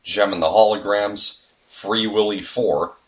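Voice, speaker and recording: A man's voice: lowish voice, steady tone, a little slow. A young man narrating a scripted video essay, earnest and reflective, with the odd sudden comic outburst.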